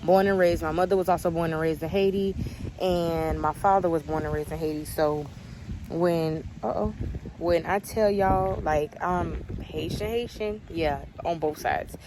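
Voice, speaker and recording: A woman's voice: on the low side, steady tone, measured pace, noisy background. A young woman answering viewer questions in a candid, chatty story-time vlog. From United States.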